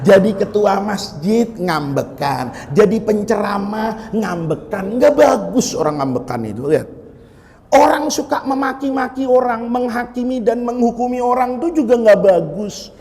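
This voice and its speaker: A man's voice: high voice, darkish tone. A man preaching a humorous sermon, telling stories and joking with his listeners. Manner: joking, storytelling, addressing listeners as "Pak". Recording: reverberant hall.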